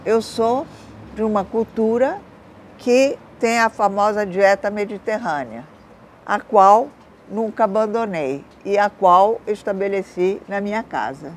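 An older woman, an author born in Africa to an Italian family, giving lively and thoughtful interview answers outdoors in a garden. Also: medium pitch, unhurried, a little hiss or hum. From born in Africa, of Italian culture, living in Brazil. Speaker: guest, writer.

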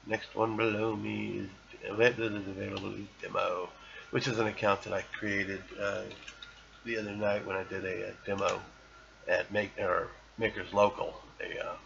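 A man with a low, very gravelly voice talks his way through an old online game, reading its messages aloud and boasting with playful bravado. The sound is muffled and lo-fi, with a faint hiss underneath. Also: flat delivery, moderate pace, fairly bright tone. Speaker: podcast host. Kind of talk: casual gameplay commentary.

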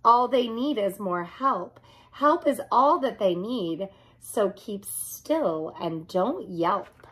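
A woman's voice: medium pitch, animated, slow, fairly bright tone, breathy edge, heavily acted. A woman voicing a big, boastful, cheerful storybook cat with a showy, emphatic manner. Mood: reassuring, confident. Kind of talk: storybook character reading.

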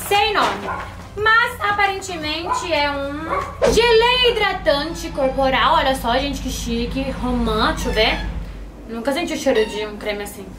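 High-voiced chatty woman. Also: lively intonation, unhurried, heavy background noise. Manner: chatty, playful, addresses viewers. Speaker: vlogger. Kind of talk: casual gift-opening vlog. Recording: echoey room with music.

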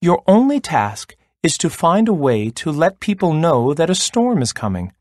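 A man's voice: a little high, huge pitch swings, normal speed, a little mellow, no room sound, clean studio sound, pitched above the performer's own voice. A man reading as the Sun, a caring sky spirit. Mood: kindly.

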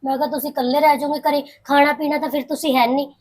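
A woman's voice: high voice, level tone, racing, a little mellow, lightly acted. A woman playing a young, cheerful sister-in-law who teases and looks after her brother's wife in a family drama.

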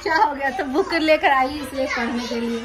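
A woman's voice: sits high, normal speed. A woman chatting at home with family, coaxing her children and talking about her cooking. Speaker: sister, hosting relatives. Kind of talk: casual family chat. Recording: loud music behind.

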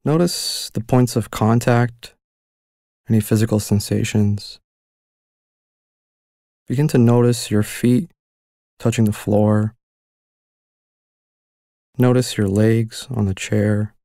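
A man narrating a guided mindfulness meditation as the guide, giving calm, gentle, unhurried instructions with long pauses between phrases. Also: lowish voice, no room sound, clean studio sound.

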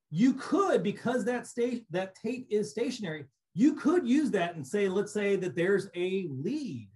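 A middle-aged man giving a relaxed recorded slideshow lecture on cave surveying over a webcam, explaining casually with frequent restarts. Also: high voice. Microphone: webcam on a video call.

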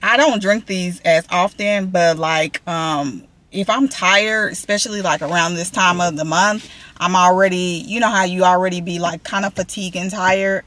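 A woman's voice: on the low side, fairly even intonation, normal speed, a bit bright. A woman, chatting casually to viewers from a parked car, rambling and calling them y'all. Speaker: vlogger. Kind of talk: casual vlog chat. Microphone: camera on dashboard.

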